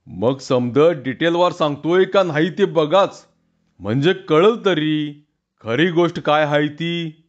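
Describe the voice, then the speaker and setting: A man voicing a gruff, bossy village strongman who talks bluntly and gives orders. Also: a little high, takes it slowly, dull audio. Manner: blunt, commanding.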